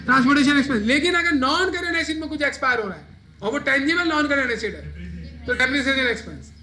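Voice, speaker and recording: High bright male lecturer quizzing students. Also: animated, fast talker. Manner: asks students questions and answers them himself. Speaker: accounting lecturer. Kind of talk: classroom lecture.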